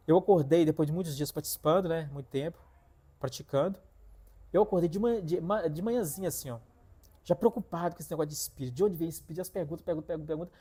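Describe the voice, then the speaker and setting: Mellow-voiced man telling a story. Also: fairly high pitch. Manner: animated, repetitive, addresses viewers directly. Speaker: vlogger telling a personal testimony. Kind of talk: casual spoken storytelling.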